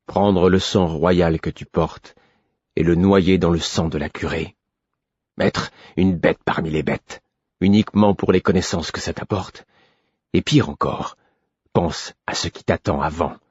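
A gruff, bitter stablemaster who has been drinking, as a man puts him on in a storybook reading. His voice is low and husky, brooding with quiet menace before it bursts into roaring anger. The recording is dry and a little dull. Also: a little slow, dry recording. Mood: brooding, menacing.

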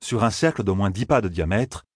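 A man narrating an audiobook in a steady, measured storytelling manner. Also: on the low side, breathy edge, no echo, clean studio sound. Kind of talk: scripted narration.

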